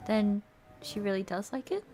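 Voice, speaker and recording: A woman streamer reads a visual novel aloud, chatting casually between passages. Her medium-pitched voice is expressive and dark in tone, moving at a moderate pace, with music playing faintly behind her.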